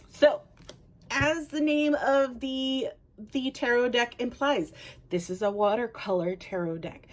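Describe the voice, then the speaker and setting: A woman reviewing a tarot deck in a casual, chatty way, talking straight to her viewers and correcting herself as she goes. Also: mid-range voice. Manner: chatty, self-correcting, talks to viewers directly. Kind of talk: casual review and flip-through.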